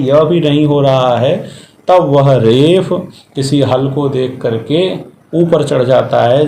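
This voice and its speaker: A man lectures on grammar in a methodical, step-by-step way, walking through each example in turn. His voice sits a little high. The room around him is noticeably echoey. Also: darkish tone, slight background noise. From India. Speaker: Sanskrit grammar teacher. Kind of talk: classroom lecture.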